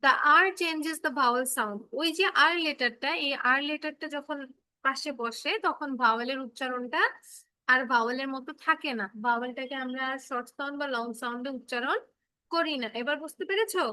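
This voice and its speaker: Casting: high-voiced woman teacher, patient, keeps checking the kids follow. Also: normal speed, sharp tone, no echo. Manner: patient, repeats and checks understanding. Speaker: English teacher. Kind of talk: online kids' class, explaining phonics.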